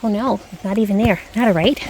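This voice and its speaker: A woman hosts a casual hiking vlog outdoors in the woods. Her voice sits at a middle pitch and she thinks aloud without a script. A light layer of outdoor noise sits behind her. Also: quick pace, darkish tone, poor audio. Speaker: hiking vlogger, host. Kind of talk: casual narration while hiking. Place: outdoors on a forest trail. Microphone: handheld camera carried while walking.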